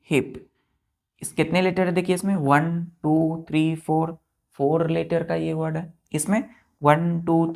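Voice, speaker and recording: A man teaches an English vocabulary lesson at an unhurried pace. He spells every word out letter by letter and keeps checking that his students have understood. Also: fairly high pitch, a little mellow. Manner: spells words letter by letter and keeps asking if it is clear.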